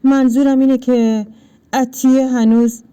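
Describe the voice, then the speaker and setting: A woman's voice: on the high side, animated, mellow, lightly acted. A woman voicing a nervous village father in a read-aloud story, speaking hesitantly and trailing off. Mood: nervous pleading. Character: flustered, frightened village father.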